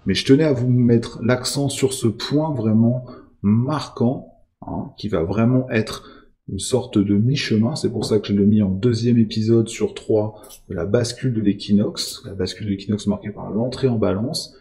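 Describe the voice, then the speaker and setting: A man's voice: on the low side, moderate pace, mellow. A man giving a spoken astrology lesson, explaining at length with frequent fillers and tags like "hein".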